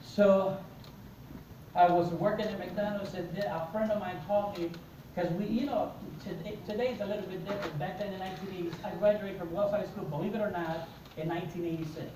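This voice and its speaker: A middle-aged Mexican man speaks a little fast in a high-sitting voice, with a slight hiss or hum on the recording. A motivational speaker and native Spanish speaker with a Mexican accent, he vividly acts out dialogue while telling his life story in an echoey conference room, captured by a far camera among the seated audience.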